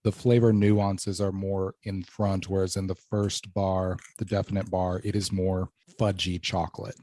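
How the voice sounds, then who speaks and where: A man hosting a podcast, leading a tasting in a measured, informative way. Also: low-pitched, level tone, dark tone, dry recording. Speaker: podcast host. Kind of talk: casual podcast chat, guided tasting.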